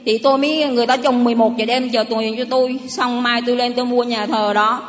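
Middle-aged woman, Southern Vietnamese accent, high voice, rambling faith testimony with restarts, dull church-hall sound. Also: steady tone, fast. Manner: rambling, repetitive storytelling with many restarts. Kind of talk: personal faith testimony to a congregation.

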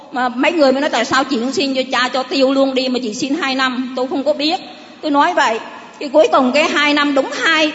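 A middle-aged woman with a Southern Vietnamese accent tells her faith story to a congregation in a high voice, circling back and restarting her sentences. The sound is dull and muffled, and her words ring out with the long reverb of a church hall. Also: fairly bright tone. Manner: rambling, repetitive storytelling with many restarts. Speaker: churchgoer giving testimony. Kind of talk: personal faith testimony to a congregation.

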